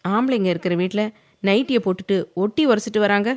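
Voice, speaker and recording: A woman's voice: medium pitch, fairly quick, darkish tone, lightly acted. A woman voicing a spiteful young woman in an audio novel, speaking with disdain. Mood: scornful.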